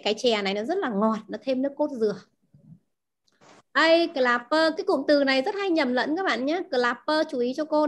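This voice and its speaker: Her voice sits high with a fairly bright tone as she teaches a language lesson. Vietnamese is her first language, and she explains words, keeps asking the class questions and repeats the important terms.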